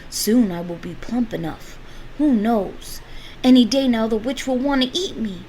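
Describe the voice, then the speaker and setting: A woman's voice: a little high, measured pace, dark tone, slight background noise, pitched above the performer's own voice, close to an everyday voice, low-quality recording. A woman voicing a scared young boy in a storybook read-aloud, anxious and pleading. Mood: fearful. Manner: fearful and pleading.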